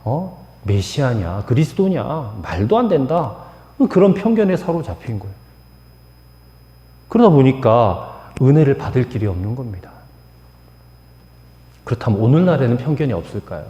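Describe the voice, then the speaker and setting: In a church sanctuary with long, echoing reverb, a pastor preaches a sermon in a slightly high, animated voice. He keeps putting rhetorical questions to the congregation.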